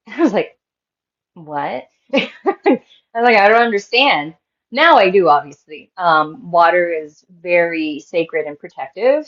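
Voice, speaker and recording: A woman's voice: fairly low pitch, dull audio. A woman in her forties, a medium and healer, telling a story in a casual interview, acting out quotes with lots of fillers. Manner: animated, acts out quotes with laughs and many "like" fillers.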